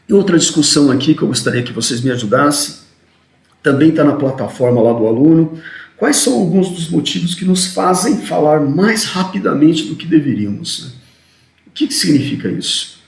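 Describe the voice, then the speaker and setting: A man teaching a recorded video lecture, talking quickly and tagging his sentences with questions to the students. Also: medium pitch, creaky, reverberant. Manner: talks fast, often adds "né?".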